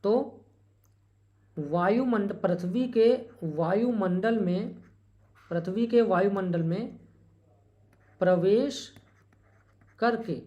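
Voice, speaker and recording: An exam-prep lecture from a teacher whose voice is medium-pitched and dark. Key vocabulary is repeated, rhetorical questions punctuate the talk, and small errors are corrected with a quick apology.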